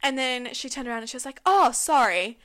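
A woman's voice: sits high, level tone, rapid-fire, pushed and bright. A young woman co-hosting a podcast, chatting casually and animatedly, with plenty of swearing. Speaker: podcast co-host. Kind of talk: casual chat.

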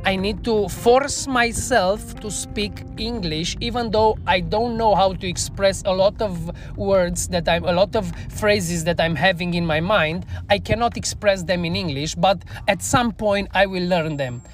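This podcast guest, a bar trainer and native Romanian speaker, reflects candidly on her own story in accented English. Her medium-pitched voice keeps a measured pace with few pauses, soft music behind it, and her phrasing is earnest and non-native.

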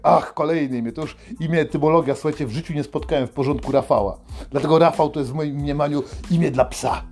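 A man hosting a comedic rant monologue, swearing constantly and mockingly yelling out names. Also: a little high, quick pace. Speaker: host.

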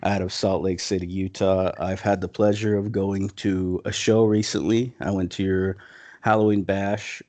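Male podcast host, low and monotone, halting interviewer. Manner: halting, restarts questions. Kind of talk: casual interview chat.

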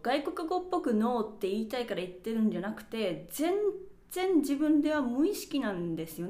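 On her solo podcast, a woman muses casually over a series of examples, taking each in turn while birds chirp nearby. She speaks on the high side, in a darkish tone.

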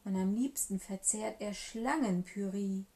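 A woman's voice: mid-range voice, unhurried, warm tone, natural voice. A woman voicing a small, clever, boastful mouse in a children's storybook reading. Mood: cheeky.

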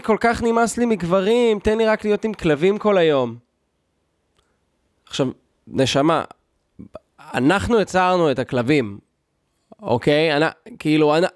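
A man on a podcast rants in a sarcastic, mock-outraged comic monologue, full of fillers and restarts. His voice sits a little high and swings widely in pitch. The sound is close and dry. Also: clean tone, no room sound. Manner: loose, talky, many fillers and restarts. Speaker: podcast host. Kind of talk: comedic rant monologue.

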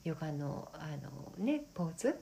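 A woman co-hosting a casual wellness podcast, speaking gently and haltingly, often checking for agreement. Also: sits low, big pitch swings. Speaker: podcast co-host. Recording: noticeable background noise.

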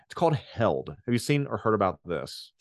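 A podcast co-host chats casually, rambling in a relaxed way and using lots of fillers. His pitch is fairly low and his pace normal, captured in a dry, clean studio recording.

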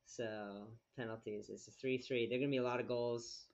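A man's voice: medium pitch, steady tone, a little fast, highs cut off, over a noisy crowd. A man co-hosting a casual sports podcast who talks hesitantly and often restarts his thoughts. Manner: hesitant, lots of fillers and restarts. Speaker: podcast co-host.

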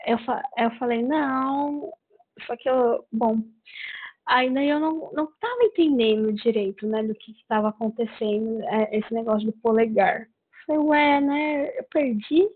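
A woman's voice: a little high, fairly even intonation, normal speed. A woman with a Brazilian Portuguese accent, casually retelling a book's plot in a rambling way with many fillers. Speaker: book reviewer. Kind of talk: casual book review chat. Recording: tinny phone-like sound.

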